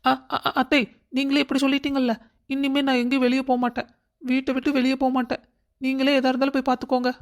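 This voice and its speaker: A crafty young daughter-in-law, from a cartoon story, voiced by a woman. Her voice sits a little high. She sweet-talks her way around her mother-in-law and turns on tearful pleading. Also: fairly quick, long pauses, a little mellow, lightly acted. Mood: scheming. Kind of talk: cartoon voice acting.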